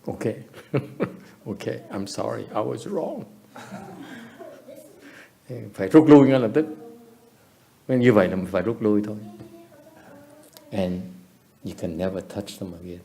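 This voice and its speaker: A man with a lowish, mellow voice delivers a dharma lecture at a meditation retreat. He moves back and forth between English and Vietnamese and chuckles often as he teaches. The tone stays warm and relaxed. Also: a little slow, long pauses. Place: temple lecture hall.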